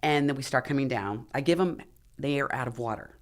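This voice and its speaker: A woman's voice: extremely low pitch, a little fast. A middle-aged woman, a podcast guest, telling a dramatic story in a casual interview and acting out what others said. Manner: animated, acts out the dialogue of others. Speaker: podcast guest, former figure competitor and mountaineer.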